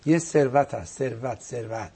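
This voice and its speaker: A man's voice: mid-range voice, creaky, mellow, breathy edge. A man speaking as a guest cleric, giving an earnest, emphatic religious lecture on a broadcast program and often repeating his words for stress. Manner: earnest, emphatic preaching with repetitions.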